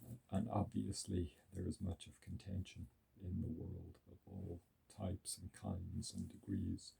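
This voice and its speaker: A man giving earnest, reflective religious commentary, stacking words for emphasis and pausing with small fillers. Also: sits low, vocal fry, mellow, breathy edge, rough recording.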